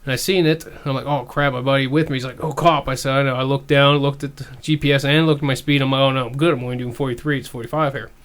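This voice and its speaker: Mid-pitched man, laid-back podcast co-host telling a story. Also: flat delivery, fairly bright tone. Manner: easygoing, drawn-out anecdotes. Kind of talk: casual chat, storytelling.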